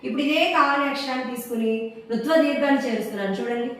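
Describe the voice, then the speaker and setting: A woman teacher drilling letter signs for children, slowly repeating each sound and asking and answering her own questions. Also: high voice, far from the mic. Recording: very echoey room, voice away from the mic.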